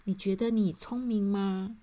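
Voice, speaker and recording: A woman reading a children's storybook aloud, speaking gently and addressing young listeners directly. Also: medium pitch, steady tone, a little slow.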